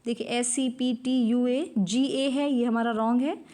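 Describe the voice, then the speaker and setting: A woman's voice: a little high, steady tone, unhurried, warm tone. A woman teacher giving a spelling lesson, spelling words out letter by letter and repeating them. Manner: repeats key words and checks understanding. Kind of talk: spelling lesson, mixing English terms into Hindi.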